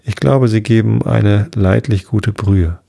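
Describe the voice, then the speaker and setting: A man's voice: on the low side, unhurried, gravelly, warm tone, no echo, studio quality, exaggerated voice. A man voicing a fearless young man who teases and mocks. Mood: teasing.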